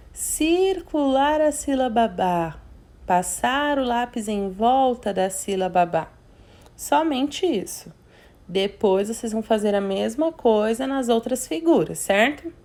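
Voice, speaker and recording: A woman teacher, talking young children through a reading worksheet slowly and patiently, sounding out syllables. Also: a little high, darkish tone. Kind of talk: remote literacy lesson for young children.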